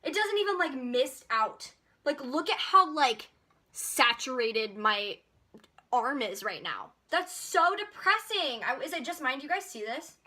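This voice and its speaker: A woman's voice: high-pitched, lively intonation, a little slow, pushed and bright. A young woman chatting in a casual makeup haul vlog, bubbly and full of filler words. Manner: chatty, bubbly, lots of likes and ums. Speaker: beauty vlogger.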